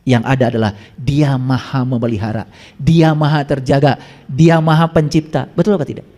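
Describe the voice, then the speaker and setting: A man preaching a sermon to a live audience, quizzing listeners and swinging between high exclamations and low asides. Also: fairly even intonation, moderate pace, darkish tone. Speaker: Islamic preacher. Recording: long hall reverb.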